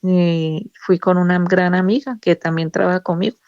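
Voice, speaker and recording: Middle-aged woman, halting emotional testimony. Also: lowish voice, fairly even intonation, no room sound, lo-fi sound. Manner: halting, emotional retelling with many restarts. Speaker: nurse giving a faith testimony. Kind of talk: personal religious testimony.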